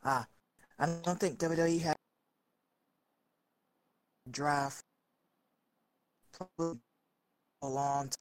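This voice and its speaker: A woman co-hosting a casual podcast chat over a remote call whose audio glitches and keeps breaking up, so her words come out halting and cut off. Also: deep voice, fairly even intonation.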